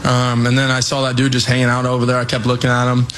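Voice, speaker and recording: A man's voice: mid-range voice, monotone, fast talker, a bit bright, a little hiss or hum. A young man, an athlete being interviewed, talking casually and choppily. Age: young adult. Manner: choppy, heavy use of "like". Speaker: college football quarterback, interview guest. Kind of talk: casual spoken anecdote.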